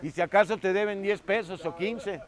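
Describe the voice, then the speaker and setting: A man's voice: sits high, normal speed. A man preaching a sermon with fervor, often turning to address his listener as brother.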